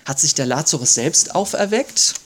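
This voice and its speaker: A man preaching a sermon, asking rhetorical questions and reading scripture aloud slowly with emphasis. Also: on the high side, expressive, a bit bright, slightly rough.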